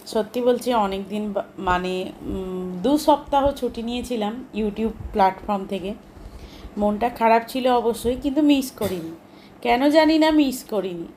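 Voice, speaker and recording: A woman's voice: fairly high pitch, a little hiss or hum. A young woman with a West Bengal Bengali accent, chatting casually in a home vlog and showing items to the camera. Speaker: vlogger. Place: home, indoors. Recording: echoey room.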